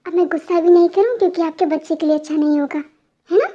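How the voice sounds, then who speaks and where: A woman's voice: very high voice, fast, highs cut off. A woman voicing an angry, pregnant young wife who scolds her husband in an amateur fan dub. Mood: scolding. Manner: sharp, sulky scolding.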